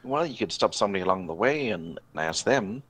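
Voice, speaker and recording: A man running a tabletop role-playing game over voice chat, narrating slowly with many fillers and restarts. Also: fairly low pitch, animated, fairly bright tone, poor audio. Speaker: game master.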